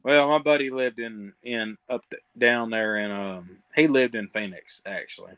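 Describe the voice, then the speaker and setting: A man's voice: medium pitch, moderate pace, clean tone, dry recording, muffled recording. A man with a Southern US drawl, talking in a blunt, teasing way in casual chat.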